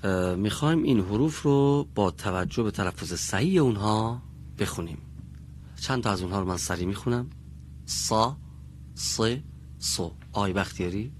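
A man teaching a classroom pronunciation lesson, speaking slowly and deliberately and drawing out each sound as he demonstrates it. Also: on the low side, darkish tone, a little hiss or hum. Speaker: Quran recitation teacher. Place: classroom with students.

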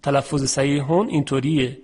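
A man teaching a Quran recitation lesson, explaining rules patiently and drawing out example words slowly. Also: medium pitch, fairly even intonation, a little mellow, husky. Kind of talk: tajweed lesson.

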